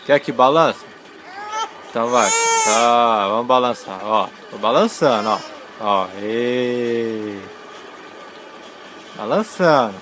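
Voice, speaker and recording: A young father talks slowly and playfully to his baby, his pitch swinging up and down as he coaxes and teases. The home-video recording carries a clear hiss of background noise. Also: animated. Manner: teasing, gentle, repetitive coaxing.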